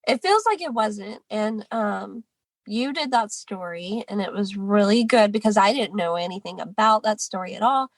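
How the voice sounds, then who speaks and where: A woman's voice: mid-range voice, expressive, normal speed, no room sound. A woman co-hosting a podcast, stuffy from a cold, chatting casually and reading an article aloud. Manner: reads a news article aloud, then comments. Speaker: podcast co-host.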